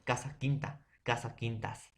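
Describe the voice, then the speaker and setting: A man teaching a grammar lesson to a class, slow and repetitive, often checking in with his students. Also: mid-range voice, little pitch movement, a bit bright.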